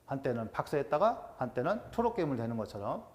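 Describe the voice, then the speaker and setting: A middle-aged man teaching an exam-prep lecture, drilling terms and quizzing his students with quick questions. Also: mid-range voice, slight background noise. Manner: animated, drills terms with "자" and quiz-style questions. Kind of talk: classroom lecture.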